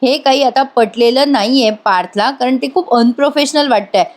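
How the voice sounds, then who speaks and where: A woman's voice: high-pitched, moderate pace. Chatty woman recapping a TV serial. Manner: chatty, addresses viewers directly. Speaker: serial review narrator. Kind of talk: voice-over episode recap.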